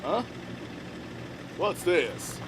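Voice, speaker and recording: A brash showman announcing a cartoon race, as a man puts him on. He booms and hams it up for the crowd. His voice rides high. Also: big pitch swings, drawn-out words, background noise, full character voice. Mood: showy. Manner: booming, showy announcing.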